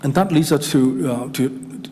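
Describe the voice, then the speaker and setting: A middle-aged man with a Chinese accent, presenting on regional economic development, addresses a town council in its chamber. His fairly high, mellow voice moves a little slowly, and he speaks hesitantly, full of fillers and restarts. The hall reverb carries faint room noise.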